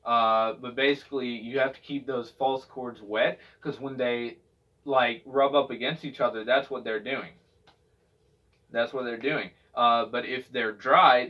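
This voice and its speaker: A man giving a casual spoken tutorial as a vocal technique instructor, talking in a hesitant, rambling way and repeating himself. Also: mid-range voice. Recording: dull, distant microphone sound.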